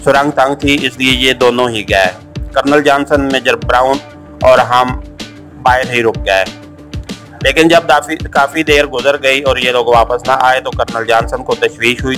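A frightened captured army captain stumbles over his words in a storybook reading, as a man puts him on. The voice sits at an ordinary middle pitch, nervous and flustered rather than loud. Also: steady tone, measured pace, faint music behind, lightly acted. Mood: confessing. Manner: stammering, flustered. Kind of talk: audiobook character reading.

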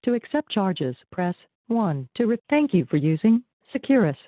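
A woman's voice: medium pitch, normal speed, a little hiss or hum. Automated woman's voice on a jail payphone call, tinny and dry, sing-songy. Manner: even, announcer-like delivery. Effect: recorded jail collect-call message over a phone line. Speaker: automated phone system prompt. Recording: tinny dry phone line.

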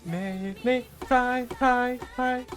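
A man's voice: very high-pitched, fairly even intonation, unhurried, a bit bright, soft background music. A man streaming a game, giving casual running commentary and playfully scolding his in-game item like a parent.

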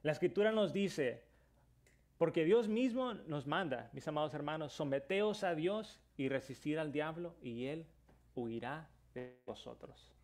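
A man's voice: fairly high pitch, animated, moderate pace, a little mellow. A man preaching a sermon in Spanish, moving between earnest exhortation and a personal story. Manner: earnest preaching, rising to emphatic questions, then storytelling. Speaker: pastor.

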